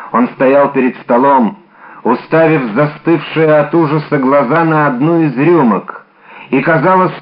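A man narrating a classic adventure novel in a measured, dramatic way. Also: on the high side. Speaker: audiobook narrator. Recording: dull lo-fi audiobook recording.

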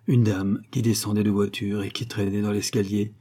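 A man reading a novel aloud as audiobook reader, in measured, even storytelling. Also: on the low side.

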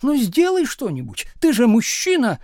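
A man doing a shrill, scornful young wife. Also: expressive, fairly quick, no room sound, studio quality. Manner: sharp, scolding, shouting at times.

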